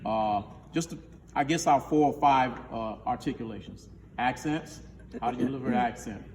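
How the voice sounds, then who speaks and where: A man's voice: medium pitch, normal speed, darkish tone. A man who is a band director, teaching a rehearsal and counting in his players, singing syllables to show how a note should sound. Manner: instructive, counts players in, sings syllables to demonstrate. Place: school band room. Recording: distant, reverberant room recording with faint noise.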